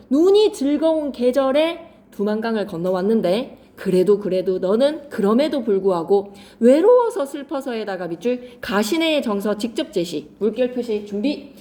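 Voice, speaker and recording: A woman teaching a poetry lesson to students, lively, switching between polite and casual speech and acting out lines dramatically. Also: a little high, reverberant. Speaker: Korean literature teacher. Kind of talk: classroom lecture on poetry.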